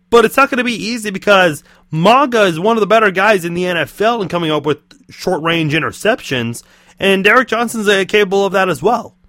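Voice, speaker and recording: An American man with a rough, hoarse, strained voice, giving solo football commentary as a podcast host. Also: sits high, sharp tone, dry recording, clean studio sound. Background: music.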